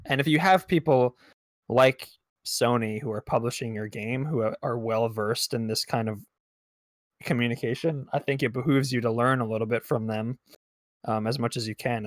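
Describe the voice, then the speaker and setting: A man speaks on a gaming podcast panel in an even, thoughtful manner. His voice is recorded close and dry, with no room sound. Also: medium pitch, no echo. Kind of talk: casual gaming podcast chat.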